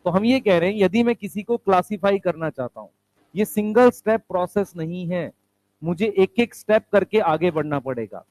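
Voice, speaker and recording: A man lectures on biology in a high voice, asking questions and answering them himself. He slows down to stress key terms. The recording is close and dry, with no room sound. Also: dry recording. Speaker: biology teacher. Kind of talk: classroom lecture.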